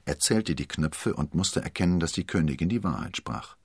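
A man narrating an audiobook story in an expressive, dramatic way. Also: sits low, moderate pace, breathy edge, dry recording, clean studio sound.

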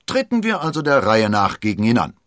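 A man's voice: on the low side, big pitch swings, a little fast, a bit bright, no room sound, clean studio sound, pitched above the performer's own voice. A man voicing a proud, wounded musketeer, delivering his lines raised and declaiming. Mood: bold, rousing. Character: proud wounded male musketeer, cool and commanding.

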